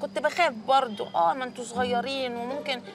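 Here a woman with a high, steady-toned voice delivers lightly acted lines against a noisy background. The role is a talkative, teasing young teacher in a comedy series, and the actress speaks with an Egyptian Arabic accent in quick, playful TV comedy drama exchanges.

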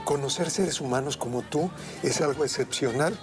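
A middle-aged man hosting a television cooking show, chatting effusively and flatteringly with his guest in a studio kitchen. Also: on the high side, normal speed, over music. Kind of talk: warm effusive studio chat. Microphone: lapel mic.

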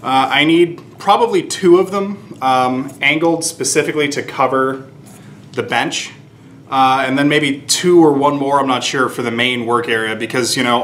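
A shop owner in his thirties films a renovation of his shop for a casual how-to vlog, chatting upbeat and explaining each step as he works. His voice is mid-range with a fairly bright tone. The on-camera mic, held at arm's length or on a stand, picks up roomy echo from the low-ceilinged indoor workroom, plus a little hiss or hum.

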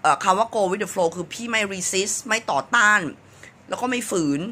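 A woman's voice: mid-range voice, moderate pace, bright, forceful tone. A young woman vlogger talking casually about spiritual growth, rambling and mixing English phrases into her talk.

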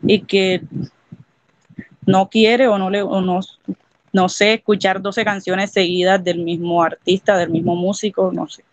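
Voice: mid-range voice, little pitch movement, a little slow, dry recording. A student in an online class speaking hesitantly, stopping to search for words.

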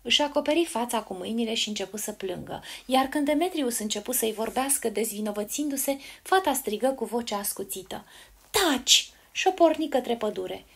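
A woman narrating a fairy tale in an expressive storybook reading. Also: fairly high pitch, creaky, few pauses, slightly rough.

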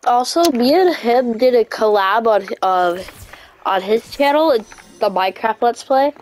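A woman's voice: a little high, lively intonation, unhurried, a little mellow, poor audio. A woman hosting her gaming channel, talking casually and explaining things in a chatty way with fillers and restarts. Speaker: channel host. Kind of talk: casual let's-play chat.

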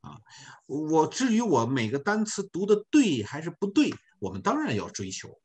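A man leads an online beginner class as a volunteer teacher. He explains patiently, leaning on small filler particles as he goes. His pitch swings widely, high and low, through each sentence. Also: wildly swooping pitch, moderate pace.

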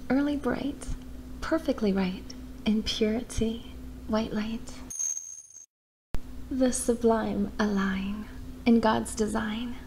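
A woman with a slightly high voice reads bedtime poetry slowly, slipping in and out of a breathy whisper. It feels intimate, spoken right in your ear, with noticeable background noise. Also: steady tone, a little mellow, low-quality recording. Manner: slow, deliberate phrasing with pauses. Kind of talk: whispered poetic bedtime story reading.

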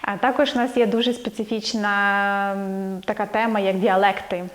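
A woman's voice: medium pitch, fairly even intonation, moderate pace, faint music behind. A woman hosting an interview who asks long questions, often searching for words and using filler sounds. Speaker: interviewer, host.

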